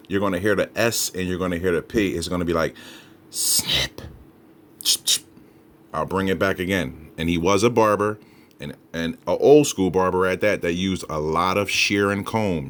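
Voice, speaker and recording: Deep-voiced man casually presenting spirit recordings. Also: steady tone, moderate pace, a little hiss or hum. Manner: addresses listeners as folks, emphatic repetition. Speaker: paranormal investigator and host. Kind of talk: casual commentary on EVP recordings.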